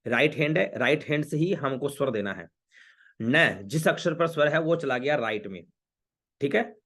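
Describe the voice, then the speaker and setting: Guy teaching vedic mantra chanting online, spells words out slow and repeats them again and again. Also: medium pitch, pushed and bright. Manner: slow, patient, repeats each word syllable by syllable. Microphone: camera facing the viewer.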